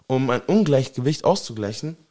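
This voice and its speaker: Young guy rambling on his podcast, slangy, lots of "weißt du", mid pitch. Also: lively intonation, a little fast, darkish tone. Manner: slangy, fills with "weißt du" and "Digga". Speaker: podcast host. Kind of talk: casual opinion chat.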